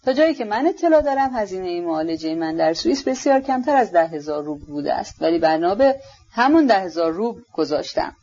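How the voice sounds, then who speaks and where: Brief: a woman voicing an earnest, gentle young prince, husky tone, dull lo-fi sound. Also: fairly low pitch, very animated. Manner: earnest, pleading.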